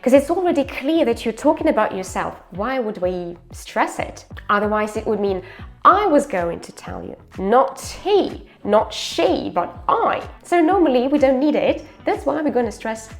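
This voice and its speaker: A woman pronunciation teacher giving a slow, careful lesson. She says each word twice, then explains where to put the tongue and jaw. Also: fairly high pitch, big pitch swings, faint music behind.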